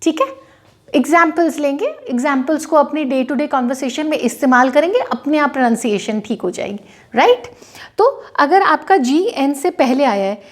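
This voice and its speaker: A young woman from India teaching English pronunciation in a video lesson, explaining patiently step by step and checking that her students follow. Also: high-pitched. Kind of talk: classroom-style video lesson.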